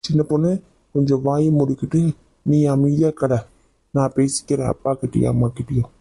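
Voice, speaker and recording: A man's voice: medium pitch, fairly even intonation, fairly quick, vocal fry, warm tone, slightly rough. A man voicing a hot-tempered grown son and elder brother in a cartoon family drama, scolding and giving orders. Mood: angry. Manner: scolding, commanding.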